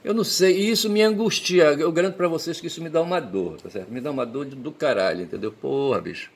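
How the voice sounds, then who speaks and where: A man's voice: a little high, fast. A man from Belém, rambling through a personal monologue, cursing often and tagging nearly every phrase with a question. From Belém, Pará, Brazil. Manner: peppers speech with tag questions; profane, emphatic outbursts. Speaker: commentator.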